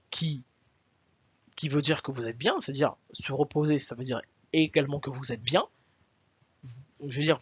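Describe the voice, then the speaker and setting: A man's voice: fairly high pitch, husky, dry recording, muffled recording. A man giving an explanatory video lecture as a religious teacher, emphatic, repeating his points and asking his listeners questions.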